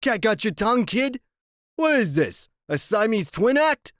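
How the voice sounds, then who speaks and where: A reader voicing a tough middle-aged male biker gang boss who talks in a quiet, bullying, menacing way. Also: mid-range voice, very animated, a little slow, no echo, studio quality, pitched above the performer's own voice. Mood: mocking.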